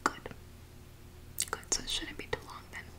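A woman in a whispered role-play as an easygoing eye doctor, murmuring softly to a patient and pausing for replies. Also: lightly acted. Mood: casual, chatty. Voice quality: soft, breathy, unvoiced whisper. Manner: halting, murmured one-sided conversation with pauses for replies. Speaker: ASMR performer. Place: small home office, indoors. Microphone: large microphone close beside her.

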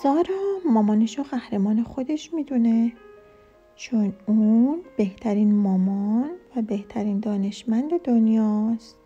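A woman reading a children's book aloud in a soft, expressive way, sometimes dropping to a whisper. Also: a little high, dull audio, faint music behind. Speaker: storyteller.

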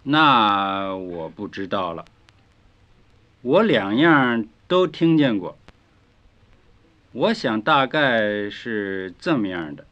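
Guy teaching a lesson on an old 1950s record, talks super slow and clear, voice bounces up and down a lot, kinda muffled sound. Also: on the low side, very animated, fairly bright tone. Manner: slow, carefully enunciated drill phrasing. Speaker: language teacher. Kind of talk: scripted language lesson dialogue.

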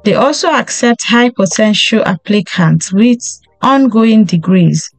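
A woman hosting a career tips channel does a voice-over on a screen recording, walking through a job listing and reading its lists aloud with frequent ums and restarts. Her medium-pitched voice is animated at a measured pace, picked up by a close desk mic. The rough recording has no room sound and faint music behind it.

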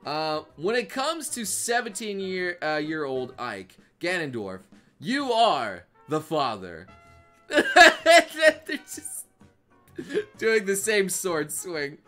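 A man's voice: sits high, huge pitch swings, slow, pushed and bright, faint music behind. A man streaming live and reacting to memes for his chat, rambling, repeating himself and swearing often.

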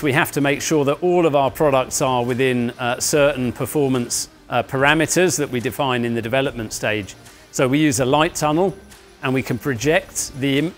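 A man in his thirties leads a walking tour of his company's factory and offices, speaking at a middle pitch. His delivery is measured and explanatory, with frequent "uh" fillers, and he sounds close to a clip-on mic. Faint music plays underneath. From England. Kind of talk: guided walking tour presentation. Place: large indoor offices and factory floor.

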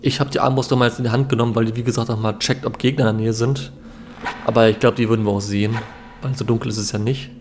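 A man's voice: mid-range voice, steady tone, fast talker, a little mellow, slight background noise. A young man giving casual let's play commentary in a laid-back, musing way. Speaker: let's player. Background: game ambience.

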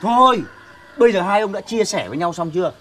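A man's voice: sits high, lively intonation, pushed and bright, slight background noise. A man playing a football official who scolds team bosses for foul play. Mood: scolding. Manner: scolding, brisk.

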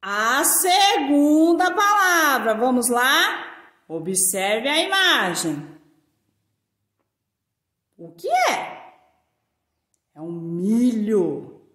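Slow sing-song woman teacher. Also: a little high, big pitch swings, fairly bright tone. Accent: Brazilian Portuguese. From Brazil. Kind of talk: children's lesson. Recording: echoey room.

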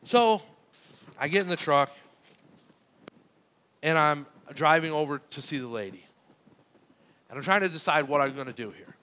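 A man's voice: a little high, lively intonation, moderate pace, pauses often, pushed and bright. A man preaching a sermon, telling a personal story in a conversational way and acting out the back-and-forth of the conversation. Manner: conversational storytelling, recounting dialogue. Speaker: pastor. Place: church.

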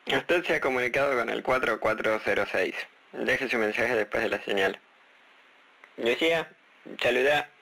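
A man heard through an answering machine greeting, speaking in a formal, measured way. His voice is gravelly with a sharp, bright edge at a middle pitch. It plays back as a recorded outgoing message on a phone line.

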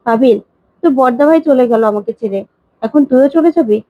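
A woman's voice: sits high, fairly quick, no room sound, narrow, tinny audio. A woman voicing a heartbroken middle-aged mother who speaks in a tearful, pleading way. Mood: sorrowful.

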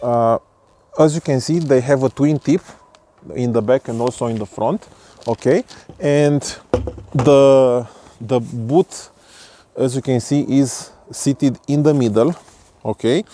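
A man's voice: medium pitch, slow, pauses often, mellow, slight background noise. Hesitant man reviewing skis outdoors. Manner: hesitant, many fillers and restarts. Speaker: vlogger. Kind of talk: casual product review vlog. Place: outdoors at the foot of a ski slope. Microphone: camera on a tripod at medium distance.

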